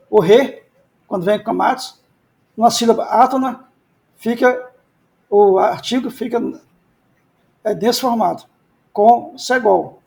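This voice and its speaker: The speaker is a man, a pastor, lecturing a class on biblical Hebrew in a high, slightly mellow voice with a creaky edge. Key points come back repeatedly, and he answers questions he has just asked himself.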